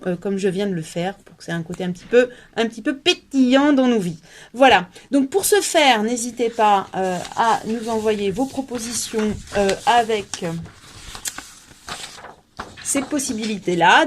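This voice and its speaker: A woman leading an English workshop in a casual video lesson, talking in a chatty, hesitant way with many fillers and restarts. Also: mid-range voice.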